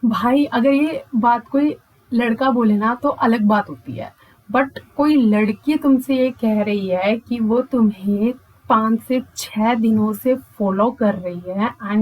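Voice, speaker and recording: A woman's voice: on the high side, slow, darkish tone, rough recording. A young woman telling a personal story in a casual, chatty way, mixing English phrases into her talk and acting out what happened. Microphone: mic on the speaker.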